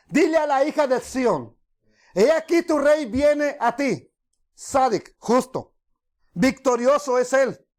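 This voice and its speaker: A Bible teacher giving a study, asking rhetorical questions and slowing down to pronounce Hebrew words. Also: mid-range voice. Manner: asks rhetorical questions and answers them.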